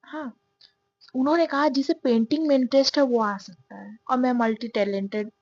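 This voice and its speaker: A woman's voice: high voice, fairly even intonation, normal speed, darkish tone, no echo. A young woman narrating a story in a chatty, self-mocking, confiding way, as if talking to her viewers. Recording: dull, dry sound.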